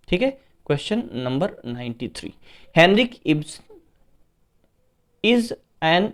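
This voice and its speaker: A man with an Indian English accent who tutors English literature, working through exam questions. He reads each English question slowly, explains it in Hindi and often says "okay". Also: a little high. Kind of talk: exam paper solution lesson.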